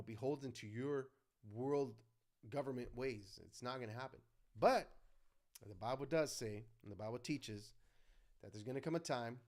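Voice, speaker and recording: A man's voice: mid-range voice, a little mellow. A middle-aged man hosting a livestream, talking in an impassioned, preachy way and acting out quotes. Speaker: livestream host. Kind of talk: casual political livestream monologue.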